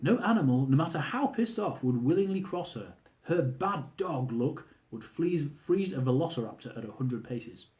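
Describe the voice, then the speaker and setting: In a fairly high, darkish voice with lively intonation, a man reads his humorous travel memoir aloud at a moderate pace. The audiobook-style narration is wry and includes asides to the audience.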